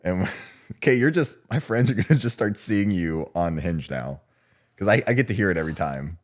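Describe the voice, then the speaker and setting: A young man with a very deep voice jokes and teases in casual podcast banter. His pitch swings widely as he talks, and he laughs easily. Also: moderate pace. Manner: teasing, laughs often, expressive. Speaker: podcast co-host. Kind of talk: casual chat.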